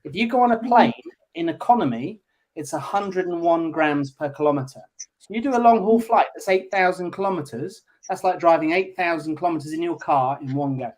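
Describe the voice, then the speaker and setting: A man's voice: fairly high pitch, expressive, fairly quick, a little mellow. A man on a panel explaining things casually and earnestly, working through facts and figures.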